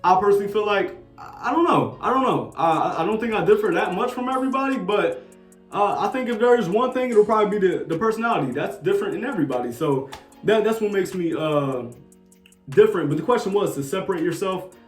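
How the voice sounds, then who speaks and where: This New Jersey man in his twenties, a sneaker YouTuber with a Jersey accent, fields viewer questions in a laid-back, slangy Q&A vlog packed with fillers. He talks fast in a high-pitched voice with lively intonation. The mic is distant and he's off it, in an echoey room with faint music playing.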